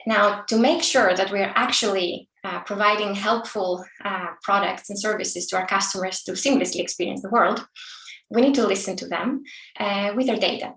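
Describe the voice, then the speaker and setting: A woman's voice: mid-range voice, a bit bright. A woman in her thirties from Greece, giving a friendly technical talk over a video call, with frequent fillers and restarts. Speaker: conference speaker. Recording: roomy and distant from the mic.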